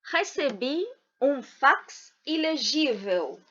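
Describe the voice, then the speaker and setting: A woman teacher giving an online grammar lesson, talking slowly and deliberately and spelling out word endings. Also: sits high, sing-song, sharp tone. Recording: dull lo-fi video audio.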